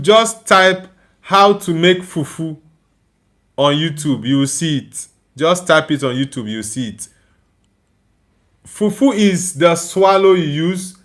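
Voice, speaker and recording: Streaming a football watchalong live, a young Nigerian man reacts casually to the game, chatting and laughing while reading comments from viewers. He has a high-pitched, slightly bright voice.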